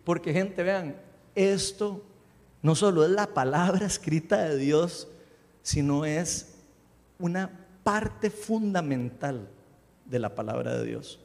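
A man delivers an impassioned sermon in a church hall, his voice set high and leaping between pitches. He lifts whole phrases loudly when reading scripture, then drops low and soft in prayer. A long reverb trails every word. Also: animated, takes it slowly, gravelly, pauses often. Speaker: preacher.

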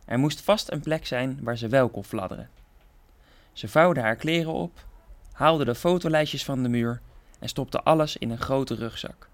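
A man from a theatre group calmly reading a children's story aloud with gentle expression. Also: mid-range voice, unhurried.

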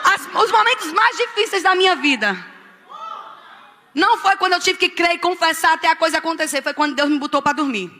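A woman preaching a restless, fast-moving testimony that rises into shouted preaching. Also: very high voice, expressive, big-room sound, slight background noise. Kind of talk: testimonial sermon.

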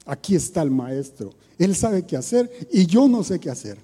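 A man's voice: sits high, sing-song, normal speed, dark tone, breathy edge, long reverb tail. A man giving a conversational sermon, often putting rhetorical questions to his listeners. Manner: asks the audience rhetorical questions. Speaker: preacher.

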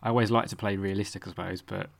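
Podcast host: male, Essex accent, low-pitched voice, informal interview chat. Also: fairly even intonation, very fast, vocal fry. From Essex, England.

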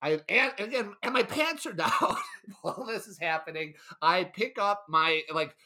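A young adult man telling a story in a casual podcast chat, animated and laughing often, putting on other people's voices. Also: high voice, moderate pace. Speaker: podcast co-host.

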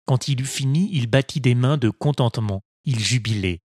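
A man reading a children's storybook aloud as narrator, slow and expressive. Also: mid-range voice, husky, no echo, clean studio sound. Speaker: audiobook narrator.

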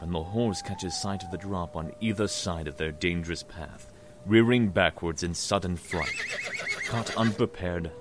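A man's voice: deep voice, background noise. A man narrating a dramatic scripted story. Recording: music score behind.

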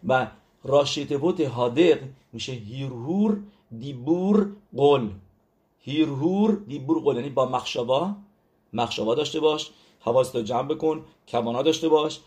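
This is a male religious teacher explaining the numerology of letters. His voice is mid-pitched and a touch mellow, and his forceful delivery features repeated key terms and frequent check-ins with the audience.

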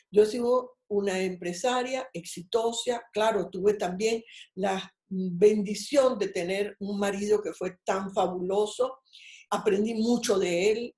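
Speaking as a guest in a casual interview over a call, a Cuban-born older woman recounts her life in a personal, meandering way, restarting often. Her pitch is medium and her tone darkish, heard in a roomy acoustic.

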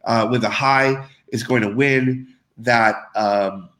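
A man co-hosting a casual talk show, pitching an event in a loose, upbeat way with many fillers. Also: steady tone, takes it slowly, a bit bright. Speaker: podcast co-host. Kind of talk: casual promotional chat.

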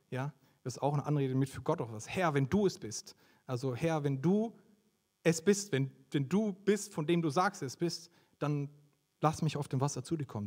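A young man with a fairly high voice delivers a sermon in a relaxed, conversational way. He keeps turning to the audience with quick questions and keeps the tone lively. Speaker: preacher.

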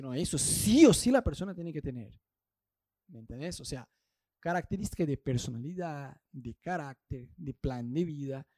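A man's voice: high voice, mellow, no room sound, studio quality. A man with an Argentine accent preaching a casual, humorous sermon, telling a Bible story with animation and acting out the voices. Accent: Argentine Spanish.

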